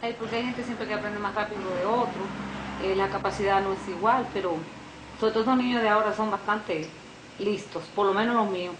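A woman's voice: medium pitch, steady tone, brisk. Hesitant Dominican woman in an echoey room. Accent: Dominican Spanish. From Dominican Republic. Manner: hesitant, searching for words. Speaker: piano and French teacher. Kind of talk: interview answers. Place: living room on a sofa. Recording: echoey room, noisy old video tape.

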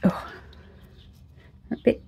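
A woman's voice: extremely slow, warm tone, slight background noise. A woman crafting at home, thinking aloud in chatty, self-deprecating asides that sometimes drop to a whisper. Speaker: resin crafter. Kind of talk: casual crafting commentary.

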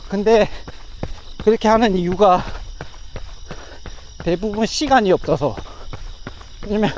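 High-voiced man talking while running. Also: a little mellow. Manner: talking while running, in short broken phrases. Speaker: amateur runner vlogging. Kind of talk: casual monologue while running. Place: outdoors along a riverside path. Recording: outdoor ambient noise.

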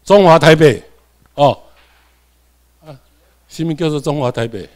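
A man's voice: a little high, unhurried. A man from Tainan, Taiwan, with a Taiwanese accent, giving a classroom lecture. He repeats key points and keeps checking in with his students.

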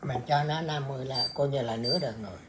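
A man who is a Buddhist monk, in casual conversation, with a Vietnamese accent, speaking haltingly with many fillers. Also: mid-range voice, very noisy. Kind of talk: casual chat.

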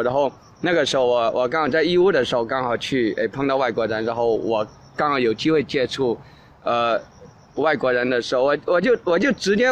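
A man's voice: a little high, a little hiss or hum. A man hosting a casual talk show, answering listener questions in a rambling way with frequent restarts and repeated words. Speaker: English teacher and podcast host.

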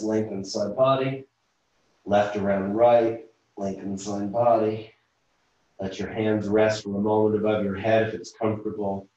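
A low-voiced man leads a yoga class at an unhurried pace, cueing each breath and stretch calmly. He sits well back from the mic in a very echoey room, so his voice carries a roomy, distant quality. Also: muffled recording. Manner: slow, calm step-by-step cueing of breath and movement. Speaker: yoga instructor and physical therapist. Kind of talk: guided yoga class instruction. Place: room at home, teaching over video call.

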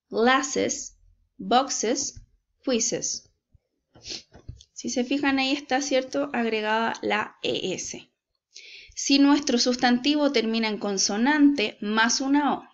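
Slow, patient Chilean woman teacher. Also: fairly high pitch, muffled recording. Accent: Chilean Spanish. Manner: slow, patient, checks in with "¿cierto?". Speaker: English teacher. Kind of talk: recorded slide lesson.

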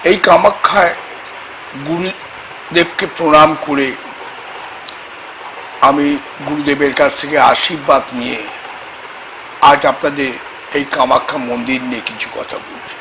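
A man, a tantric astrologer, talking slowly and haltingly about faith at a temple, with sudden loud emphatic bursts. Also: fairly high pitch, fairly even intonation, noisy background. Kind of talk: spoken religious talk to camera. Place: temple grounds, outdoors.

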